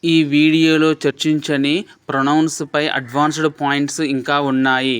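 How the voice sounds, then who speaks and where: A man teaching English grammar in a scripted lesson, explaining in a measured way and reading English examples out slowly. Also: a little high, flat delivery, fairly bright tone, clear, resonant tone.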